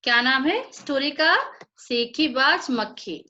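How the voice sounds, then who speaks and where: A woman's voice: high voice, expressive, takes it slowly, pushed and bright, muffled recording. A woman teacher reading a story aloud to children, explaining it and asking and answering her own questions.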